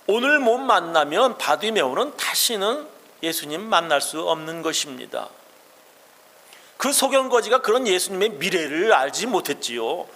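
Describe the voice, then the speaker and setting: A man's voice: high voice, fairly bright tone, in a large hall. A male pastor giving a sermon, telling the story emphatically and acting out the quoted lines.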